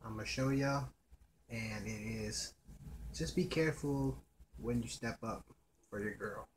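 A man's voice: mid-range voice, a little hiss or hum. A man in his thirties chatting casually to the camera in a laid-back home vlog. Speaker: vlogger. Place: small room indoors at home. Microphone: laptop webcam close up.

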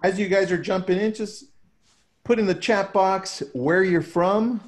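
A man's voice: high-pitched, fairly even intonation, measured pace. A man co-hosting a casual online webinar, upbeat and joking with his guests. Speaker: webinar co-host.

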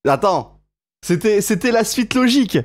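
A young man streamer commentating a tournament live, hyped and slangy, cheering and shouting at the big moments, heard through a gaming headset. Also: high voice, lively intonation, moderate pace.

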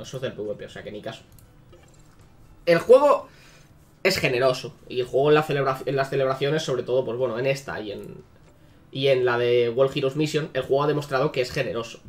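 A man giving casual, sarcastic commentary on a mobile game, swearing freely. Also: medium pitch. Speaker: gaming YouTuber.

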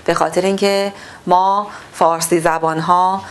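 A woman teaching a sixth-grade literature lesson online, reading the text slowly and then explaining it to the children. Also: lowish voice, flat delivery. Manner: asks the class questions and answers them herself.

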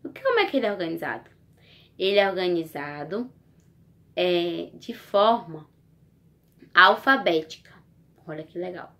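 A woman teacher, talking young children through a lesson in a slow, coaxing, sing-song way and checking in with them often. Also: fairly low pitch, big pitch swings, bright, forceful tone. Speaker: primary school teacher.

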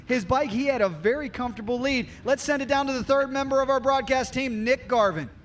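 A man commentating live on a race as an excitable, showy announcer. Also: very high voice, a little fast, a little hiss or hum.

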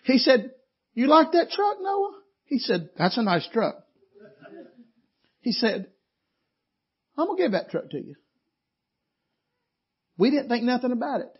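High-voiced preacher man, husky. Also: a little slow, pauses often. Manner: folksy, animated storytelling with laughs. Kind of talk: storytelling sermon. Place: church meeting. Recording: dull lo-fi church audio.

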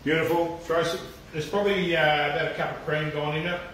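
A man's voice: a little high, steady tone, fairly quick, background noise. An Australian man hosting a casual live cooking stream, chatting loosely to viewers, swearing freely and laughing often, in a home kitchen. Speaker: cooking channel host. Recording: echoey room.

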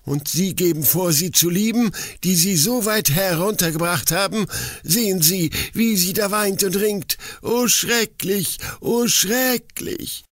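A man's voice: sing-song, measured pace, a bit bright, no echo, clean studio sound, full character voice. A man voicing a stern, angry middle-aged head forester who confronts his daughter's suitor. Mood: furious. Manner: furious, accusing, voice rising high.

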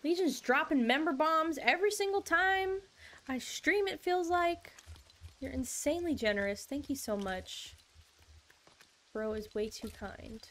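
A woman's voice: sits high, lively intonation, measured pace, fairly bright tone. A young woman streaming a game, chatting casually with viewers in a bubbly, chatty way and laughing often. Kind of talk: casual live-stream chat.

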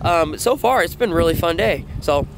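A man's voice: on the high side, lively intonation, fairly quick, creaky. Upbeat young man vlogging from a boat. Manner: upbeat, chatty, lots of fillers. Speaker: fishing vlogger. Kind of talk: casual vlog chat. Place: outdoors on a boat on a lake. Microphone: camera held at arm's length. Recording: outdoor boat noise behind.

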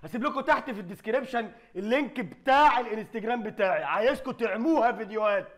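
A man with an Egyptian accent giving loud, sarcastic comedy commentary on clips, often laughing as he talks. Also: sits high, lively intonation, very fast, slight background noise. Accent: Egyptian Arabic.

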